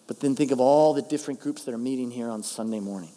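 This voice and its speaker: A male pastor preaching a conversational, emphatic sermon, slowing down to stress key phrases. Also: medium pitch, dark tone. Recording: long reverb of a large hall.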